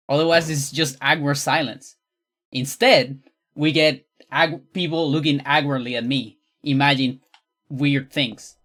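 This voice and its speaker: A game streamer with a Chilean accent and a medium-pitched voice, a native Spanish speaker. The talk is casual and off the cuff, aimed at a live chat. The manner is playful and teasing. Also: steady tone, slow pace, pauses often, fairly bright tone. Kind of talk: casual livestream chat while gaming.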